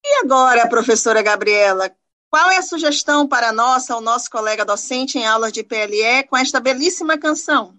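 A woman's voice: a little high, brisk, sharp tone. A woman hosting a radio program who introduces guests and asks questions in a friendly, formal way. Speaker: radio host.

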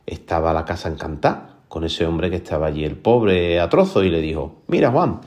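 A man telling a traditional folk tale aloud, acting out the characters' lines with a raised voice. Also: a little fast. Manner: lively, acts out the dialogue with raised pitch. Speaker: storyteller.

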